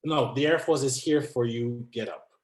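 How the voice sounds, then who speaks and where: This guest is a man from France in his thirties whose first language isn't English, and in a conversational interview he speaks hesitantly, full of pauses, fillers and restarts. His middle-pitched voice is steady and darkish in tone, carrying a noticeable echo from the room.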